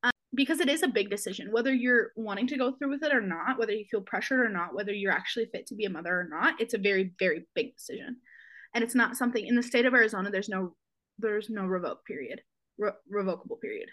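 Young woman, podcast guest; personal story, emotional, halting, near tears; mid-range voice. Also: medium pitch, a bit bright. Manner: emotional, halting, many fillers and restarts. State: close to tears.

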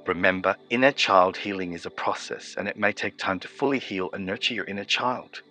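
A man guiding a meditation, giving slow, soothing, evenly paced instructions. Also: low voice, sharp tone, faint music behind. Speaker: meditation guide. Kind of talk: guided meditation.

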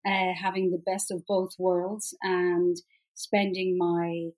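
A woman's voice: fairly low pitch, flat delivery, slow, darkish tone, poor audio. Chatty Irish woman, middle-aged. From Ireland. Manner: chatty, laughs easily, frequent fillers. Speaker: actress guest. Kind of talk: casual interview chat.

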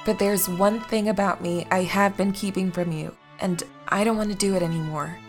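An earnest superhero bride, voiced by a woman in an audio drama. She speaks patiently at a middle pitch over faint music. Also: fairly even intonation, moderate pace, lightly acted.

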